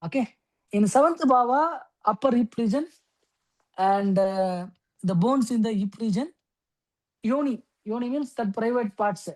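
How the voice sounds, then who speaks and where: Woman, astrology teacher, lecturing, unhurried, fillers and okays. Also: fairly high pitch, animated, darkish tone, rough recording. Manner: explains slowly with many okays and fillers.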